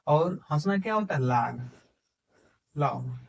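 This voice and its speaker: A man's voice: on the high side, animated, vocal fry. Man teaching grammar, dull distant recording. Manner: slow dictation of example sentences, frequent "ठीक है" and rhetorical questions. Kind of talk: explaining a grammar lesson in Hindi.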